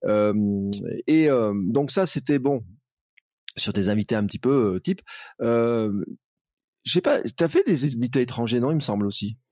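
A man chatting on a podcast in a lively, familiar way. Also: mid-range voice, moderate pace, no echo, studio quality. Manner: chatty, lively, many "tu vois". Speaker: podcast host. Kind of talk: casual podcast conversation.

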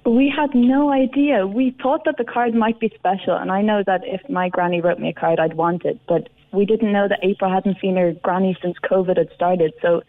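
A woman's voice: mid-range voice, fairly even intonation, normal speed, few pauses. A young woman with an Irish accent telling a story casually as a radio phone-in guest. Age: young adult. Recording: tinny phone line.

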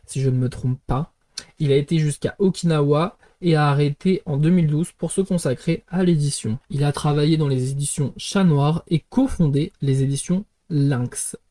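Hosting a book podcast, a man gives a casual, rambling review packed with fillers and self-corrections, chuckling at himself in a self-deprecating way. His voice is on the high side with a dark tone.

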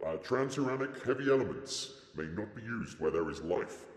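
A man voicing the show's booming cosmic announcer, his voice blown up with heavy hall reverb, making solemn, formal pronouncements. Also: very animated, fairly quick. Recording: echoey long hall reverb.

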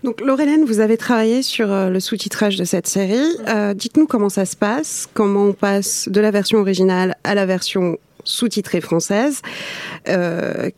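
Woman, podcast co-host, interview questions, measured, slightly formal. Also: medium pitch, darkish tone, no echo.

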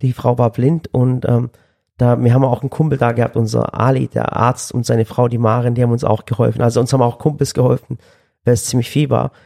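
Gravelly, dark-voiced man telling a story. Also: medium pitch, flat delivery, quick pace. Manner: rambling, full of restarts and quoted dialogue. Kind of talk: casual conversational storytelling.

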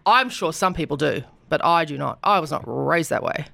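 Animated Australian woman telling a story. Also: deep voice, normal speed, gravelly, background noise. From Queensland, Australia. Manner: animated, swears freely. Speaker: podcast co-host. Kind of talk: casual chat, storytelling.

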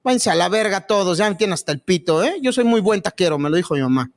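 A man's voice: high voice, lively intonation, fast. A man with a Mexican accent voicing a boastful, crude male taco cook who is touchy and defiant, swaggering and tagging lines with a nagging "eh?" in a comedy sketch.

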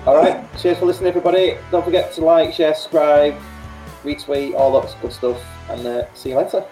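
A man's voice: a little high, little pitch movement, moderate pace, mellow, faint music behind. An English man hosting a football fan podcast, chatting casually in a matey, informal way. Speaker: podcast host. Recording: roomy, echoey voice.

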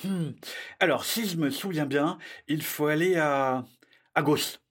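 A woman voicing a confident young boy in a children's audio story, with a somewhat low, husky voice. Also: unhurried. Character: confident boy cousin, know-it-all.

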